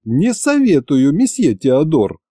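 A man's voice: extremely high pitch, big pitch swings, normal speed, dark tone, dry recording, pitched above the performer's own voice. A man voicing a polite, formal young woman with fangs. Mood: polite serious. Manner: formal and courteous.

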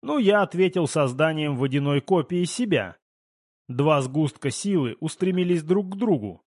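Male audiobook narrator, steady even reading, slightly raised pitch, dry close sound. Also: moderate pace, no room sound. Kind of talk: scripted first-person audiobook narration.

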